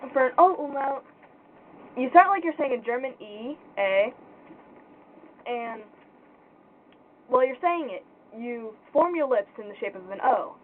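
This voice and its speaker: A young woman with a fairly high voice gives an informal pronunciation lesson. She speaks casually and haltingly, often thinking aloud and sounding unsure. The sound is thin and phone-like, with faint noise behind her. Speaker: language tutor.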